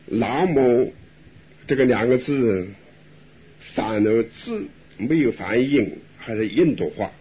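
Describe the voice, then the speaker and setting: An older man, a monk, giving a gentle, chuckling Buddhist talk in an unhurried way. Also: medium pitch, animated, slightly rough. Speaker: elderly monk answering questions. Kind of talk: dharma talk with live interpretation. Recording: dull lo-fi recording with faint hiss.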